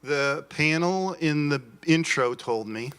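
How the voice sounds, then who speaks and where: A man's voice: fairly high pitch, expressive, takes it slowly, a bit bright, smooth. A man, out of breath, giving blunt, eager feedback after playtesting a game. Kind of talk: post-game feedback chat.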